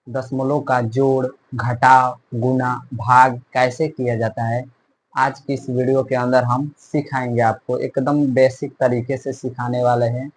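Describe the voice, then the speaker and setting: A man's voice: mid-range voice, rough recording. A man teaching a maths lesson step by step, repeating himself and checking in often. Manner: repetitive, checks in often with "theek hai".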